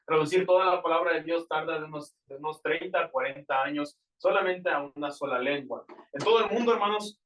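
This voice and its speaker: A man's voice: a little high, a little fast, hardly any pauses, fairly bright tone. A man explaining Bible translation in a church question session, earnest and explanatory, often restarting his sentences. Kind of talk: church Q&A talk. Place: church sanctuary. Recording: roomy church hall from far off.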